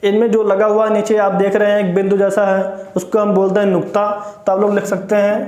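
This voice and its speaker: A man's voice: high voice, darkish tone. A man teaching Hindi grammar to exam students, explaining step by step and often checking in with the class. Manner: repetitive, explains step by step, frequent "ठीक है ना" check-ins. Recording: echoey room.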